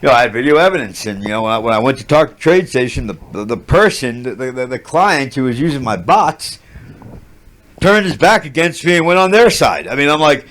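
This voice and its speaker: A man of middle pitch rants without a script, agitated and swearing. He restarts his sentences again and again and fills the gaps with fillers. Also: animated, fairly quick, fairly bright tone. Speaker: channel host. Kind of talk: unscripted rant to camera.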